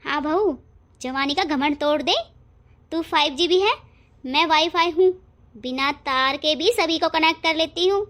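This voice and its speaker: A woman voicing a sharp-tongued, scolding mother-in-law in an animated family drama, bossy and quick to threaten. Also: high-pitched. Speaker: voice actor. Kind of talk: cartoon family drama acting.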